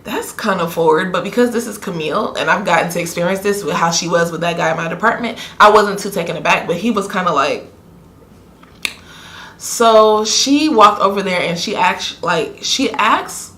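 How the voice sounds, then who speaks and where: A young woman, telling a casual story time in a chatty, animated way full of fillers. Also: on the low side, moderate pace, slight background noise. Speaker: vlogger. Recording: roomy echo.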